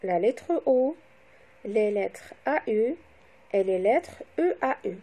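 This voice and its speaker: A woman teacher giving a slow, deliberate phonics lesson to young children, spelling out letters and syllables. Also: a little high, expressive, mellow, slightly rough. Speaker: primary school teacher.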